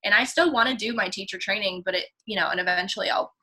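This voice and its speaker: Young woman, bright tense tone, chatty ballet teacher in casual conversation. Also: medium pitch, fast talker, husky, rough recording. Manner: chatty, filler-heavy, laughs often. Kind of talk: casual chat.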